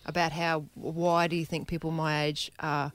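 A woman's voice: low voice, flat delivery, normal speed, no room sound. A woman, co-hosting a casual radio chat, talking in a chatty way that trails off and restarts. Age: 40s. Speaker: radio co-host.

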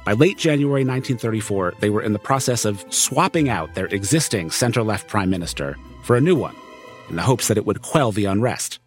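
A man's voice: lowish voice, lively intonation, fairly quick. A man narrating a scripted documentary podcast in a conversational, storytelling style. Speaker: narrator and reporter. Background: music.

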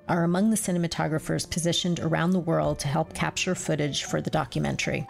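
A woman's voice: deep voice, gravelly, a little mellow. A woman hosting a podcast, reading scripted introductions and putting questions to a guest. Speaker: podcast host and interviewer. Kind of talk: scripted podcast narration and interviewing.

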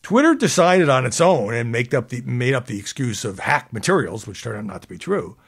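A man's voice: mid-range voice, sing-song, fairly quick, gravelly, slightly rough. A man hosting political commentary, reading quotes aloud and adding sardonic asides.

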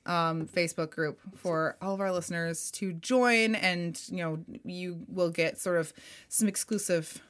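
Low-voiced woman with vocal fry. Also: measured pace, fairly bright tone. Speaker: podcast co-host. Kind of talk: casual history podcast discussion.

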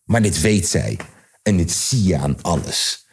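A young man with a deep, slightly rough voice tells friends a party story in casual chat. He's animated and slangy, acting out quotes and restarting his sentences, though his pace stays unhurried.

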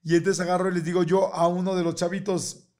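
A middle-aged Mexican man telling a casual, lively anecdote, laughing often and acting out the other people's voices. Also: sits high, fast. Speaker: guest telling a story.

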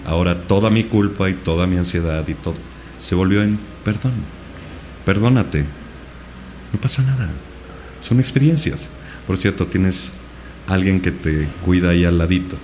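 A man's voice: deep voice, moderate pace, pauses often, a little mellow, slight background noise. A male podcast guest earnestly recounting a personal experience, with many repetitions. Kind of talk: personal storytelling in a podcast interview.

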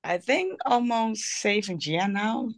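A woman's voice: a little high, animated, slow pace, dry recording. A woman from Thailand, a tattoo artist guest, giving short, hesitant answers in a casual interview. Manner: shy, brief hesitant answers.

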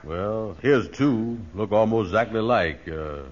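An actor playing a pompous, dim but good-hearted schemer in a 1940s radio comedy, folksy and self-important. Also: male voice, on the low side, animated, measured pace. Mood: self-satisfied. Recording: dull lo-fi 1940s radio recording.

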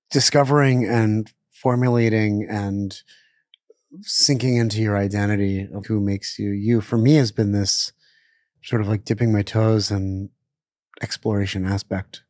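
A middle-aged chef with a slightly low, a little mellow voice speaks at normal speed in a steady tone during a casual interview, rambling with many fillers and self-corrections. Born in Israel, he was raised in Pittsburgh; the recording is clean studio sound with no echo.

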